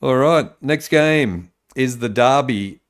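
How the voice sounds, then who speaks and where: A man's voice: medium pitch, takes it slowly. A man hosting a casual sports podcast, talking loosely with lots of fillers while reading out viewer tips. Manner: loose and rambling, many fillers. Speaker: podcast host.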